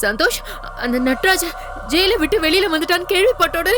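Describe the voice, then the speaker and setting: A woman's voice: very high-pitched, lively intonation, a little fast, background noise. An actress playing a frightened young wife in a TV serial who pleads with her husband, her voice tearful. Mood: tearful panic. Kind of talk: TV serial acting. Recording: background music score.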